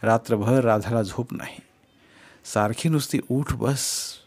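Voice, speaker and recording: A male narrator reads a short story aloud at a measured pace. His mid-range voice stays steady and expressive through the narration. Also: mid-range voice, slightly rough. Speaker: audiobook narrator.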